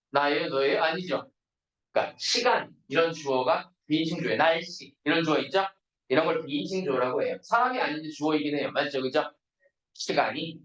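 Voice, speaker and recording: A man teaching an English grammar class, constantly checking in with students and reading example sentences slowly. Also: fairly high pitch, a bit bright, dull audio. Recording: roomy, distant classroom recording.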